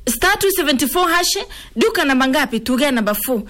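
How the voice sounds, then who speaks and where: A woman's voice: high-pitched, expressive, fairly quick, fairly bright tone, slight background noise. A Kenyan woman hosting a live radio giveaway, exclaiming and repeating herself as she switches between languages. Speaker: radio host.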